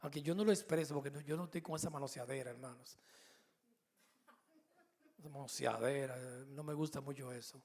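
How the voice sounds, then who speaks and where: Pastor with a gravelly voice preaching. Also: male voice, medium pitch, fairly quick, long pauses. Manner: animated storytelling with humor. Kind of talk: sermon.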